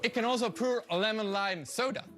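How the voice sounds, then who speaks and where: Speaking briskly in a high register, a man from Switzerland works through scripted, deadpan comic patter as a magician entertaining judges. The setting is a TV studio stage with a live audience, and crowd noise and music can be heard.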